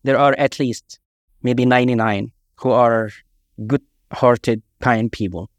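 A man's voice: medium pitch, slow pace, dry recording. Man, emphatic storyteller, dry close sound. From Egypt. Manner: animated, emphatic anecdotes. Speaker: guest, author and army veteran. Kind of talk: casual interview storytelling.

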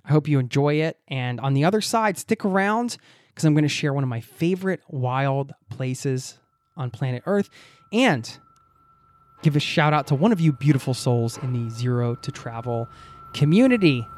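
An American man hosting a travel podcast, speaking in a reflective, animated way with occasional laughs. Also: mid-range voice, normal speed, no room sound. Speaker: podcast host. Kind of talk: podcast interview.

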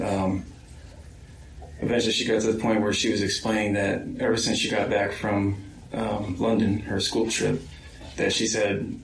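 Low, flat-voiced man recalling hesitantly. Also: vocal fry, slight background noise. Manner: hesitant, slow, many ums. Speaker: interviewee, victim's son. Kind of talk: recorded interview, recounting. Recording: roomy far-off interview mic.

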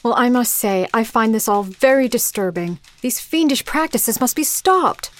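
Actress as proper, determined lady reformer, highish voice. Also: lively intonation, normal speed, lightly acted. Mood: concerned, indignant. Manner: proper, earnest, articulate. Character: well-bred, determined female reformer, indignant. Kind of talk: period drama acting.

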